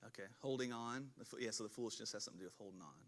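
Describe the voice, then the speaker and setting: A man's voice: lowish voice, very fast, a bit bright. Guy pastor leading a group bible chat, talky, keeps cutting himself off, laughs a lot. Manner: chatty, self-interrupting, laughs often. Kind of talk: conversational Bible study talk.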